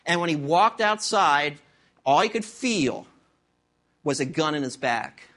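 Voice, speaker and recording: A man's voice: on the high side, unhurried. A middle-aged man preaching a sermon as pastor, telling stories with humor and acting out voices. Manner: animated storytelling with acted-out voices and humor.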